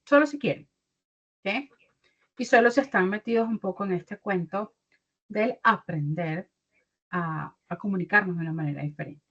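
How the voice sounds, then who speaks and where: A young adult woman, giving an online mentoring talk as a career mentor and acting out little dialogues. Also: medium pitch. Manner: animated, acts out little dialogues. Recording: dull lo-fi audio.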